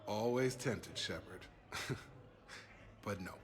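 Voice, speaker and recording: A man's voice: fairly low pitch, takes it slowly. A man playing a loyal, upbeat former soldier in a video game, talking in an easygoing, sincere and informal way. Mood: relaxed, warm.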